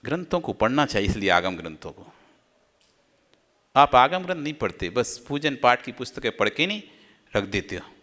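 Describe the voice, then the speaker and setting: A man giving a Jain sermon, repeating phrases and swinging from loud exhortation to hushed low asides. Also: big pitch swings, normal speed, long pauses. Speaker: Jain monk preacher. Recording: long reverb of a hall.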